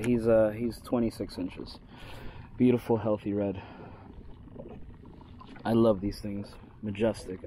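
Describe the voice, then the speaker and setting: A man in his thirties, a fishing vlogger, chatting excitedly to the fish and viewers on a small boat outdoors, recorded on an action camera. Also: fairly low pitch, background noise. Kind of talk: casual on-the-water commentary. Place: outdoors on a small skiff on open water. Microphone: action camera on his body.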